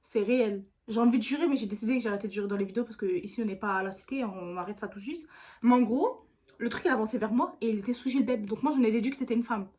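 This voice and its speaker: A woman's voice: on the high side, rapid-fire, darkish tone, slight background noise. A woman YouTuber telling a storytime to her viewers in a chatty, slangy way, speaking straight to the camera. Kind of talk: casual storytime vlog.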